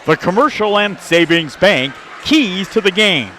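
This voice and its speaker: An American man hosts a pre-game sports radio broadcast from a basketball gym, shifting between questions and sponsor reads. His voice sits high, pushed and bright, with lively intonation and an unhurried pace, and faint crowd noise from the gym sounds behind him.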